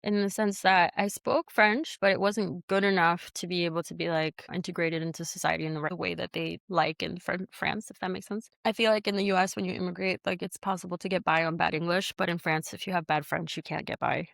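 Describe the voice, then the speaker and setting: A chatty, animated American woman from the United States, whose first language is Spanish, speaks fairly quickly in a lowish, creaky voice with hardly any pauses, sprinkling in many likes and you-knows. She is a studio founder and CEO appearing as a guest in a casual conversational interview. The recording is dry, with no echo.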